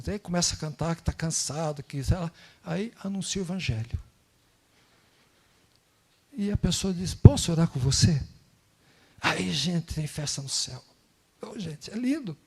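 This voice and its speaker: A man speaking informally as a guest missionary at a church service, telling animated stories and tagging phrases with "né?", on a handheld mic in a church. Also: sits high. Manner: animated storytelling, acts out dialogues, frequent tag "né?". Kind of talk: informal church talk with anecdotes. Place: church sanctuary.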